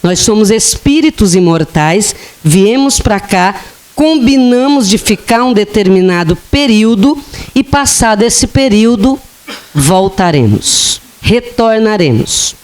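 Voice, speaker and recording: Slow, unhurried woman spiritist lecturer. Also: medium pitch, expressive, a little mellow. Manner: slow, humorous storytelling with acted-out quotes. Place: lecture hall of a spiritist center.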